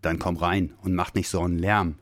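Storybook polar bear, deep gruff grumbling male, voiced by a man, slow and wise. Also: little pitch movement, no echo, natural voice.

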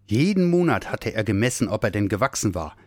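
Lively low-voiced male storyteller. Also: brisk, dry recording, clean studio sound. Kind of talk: scripted narration of a children's story.

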